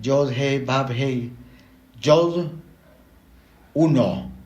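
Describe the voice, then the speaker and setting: A man teaching the Bible slowly and deliberately, explaining word by word. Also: mid-range voice, a little mellow, reverberant.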